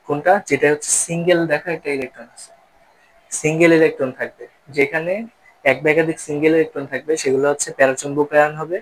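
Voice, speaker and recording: A man gives a chemistry lesson at a brisk, rapid clip. His voice sits a little high. He keeps asking his own questions and answering them as he works through each point. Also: poor audio. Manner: explaining step by step, asks and answers own questions. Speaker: chemistry teacher. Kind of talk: classroom-style lesson.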